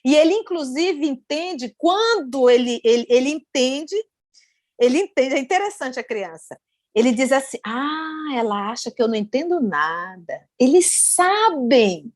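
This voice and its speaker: A woman with a Brazilian accent giving an online study talk, telling stories in an animated way and repeating words for emphasis. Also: high voice, measured pace, dry recording. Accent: Brazilian Portuguese. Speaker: invited speaker. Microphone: video call.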